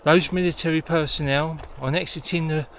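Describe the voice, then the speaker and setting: A man with a fairly high, steady voice speaks briskly as he hosts a vlog in a forest, explaining things on location. The outdoor sound is noisy.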